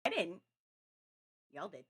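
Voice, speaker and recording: A woman podcast host reading a story aloud and bantering, animated, her voice shooting high when flustered. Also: slow pace, husky, dry recording, studio quality.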